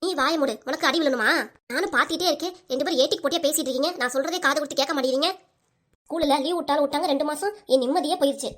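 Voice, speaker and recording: A short-tempered cartoon mother nagging her kids , voiced by a woman. She scolds in a highish voice at a rapid clip. She has a southern Tamil accent. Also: fairly bright tone. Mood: scolding.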